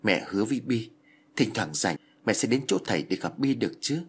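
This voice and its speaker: A man voicing a grieving young mother who speaks gently and apologetically to her ghost daughter. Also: lowish voice, lively intonation, brisk, breathy edge. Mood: gentle.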